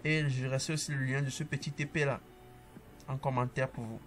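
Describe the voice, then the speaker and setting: A man giving a casual coding tutorial, calmly talking through each step as he types and tossing in upbeat asides to the viewer. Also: mid-range voice, fairly quick, soft background music.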